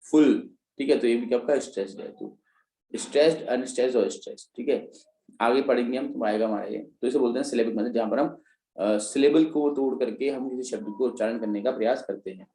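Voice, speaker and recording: An exam-prep lecture on terms comes from a man whose voice is mellow, dark and medium in pitch, delivered at a quick pace. He explains each step and keeps checking with his students, while bare-room echo colors the audio.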